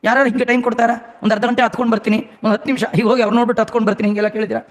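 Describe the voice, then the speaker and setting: A man giving a devotional sermon as a storyteller, animated and asking his listeners rhetorical questions. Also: very high-pitched, rapid-fire. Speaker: religious discourse speaker.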